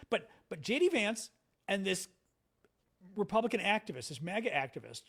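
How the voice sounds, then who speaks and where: A man hosting a casual political commentary livestream from home, chatty and sarcastic, reading out comments from his chat. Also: high-pitched. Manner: animated, chatty, sarcastic, reads chat aloud. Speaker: livestream host.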